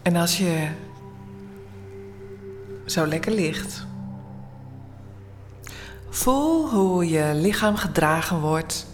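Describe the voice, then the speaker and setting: A woman leading a guided bedtime meditation in a soothing, hushed, often near-whispered voice with long pauses. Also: lowish voice, animated, soft background music. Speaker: guided relaxation instructor.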